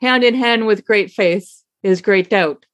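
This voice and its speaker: A woman giving a dharma talk as a Zen teacher, unhurried and reflective, with frequent soft laughter. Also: mid-range voice, no room sound.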